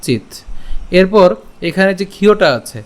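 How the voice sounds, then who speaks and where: A man's voice: high-pitched, lively intonation. A man from Bengal teaching Sanskrit verse pronunciation, breaking words into syllables and checking in with the listener. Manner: slow syllable-by-syllable chanting of verses; patient, often asks "ঠিক আছে?". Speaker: Gita recitation teacher.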